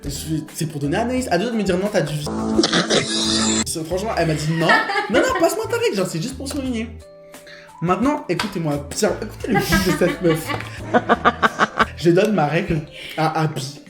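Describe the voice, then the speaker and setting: A man's voice: sits high, lively intonation, moderate pace, long pauses. A young man telling a story in casual chat, acting out the dialogue with animation. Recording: roomy room with music behind.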